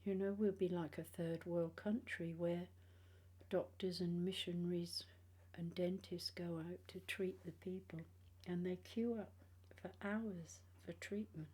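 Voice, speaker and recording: Husky older British woman with missing teeth. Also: lowish voice, steady tone, warm tone. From England. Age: 60s or older. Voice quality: speech affected by missing front teeth. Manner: halting, rambling, trailing phrases. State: tired. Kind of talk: casual personal vlog chat.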